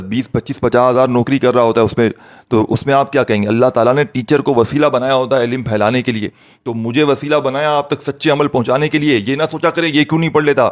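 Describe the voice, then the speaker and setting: A man preaching to his viewers, speaking earnestly and repeating his appeals to brothers and sisters. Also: mid-range voice. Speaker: spiritual teacher.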